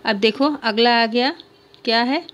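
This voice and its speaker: A woman's voice: fairly high pitch, unhurried, a bit bright. A woman teacher reading a Hindi one-act play aloud to pupils, stopping to explain idioms and punctuation, and lifting her voice for the characters' lines.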